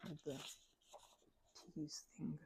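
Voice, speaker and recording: Talking slowly over some background noise, a young ASMR creator chats in a meandering ramble. She stays near the microphone, mumbling and pausing uncertainly as she drifts along.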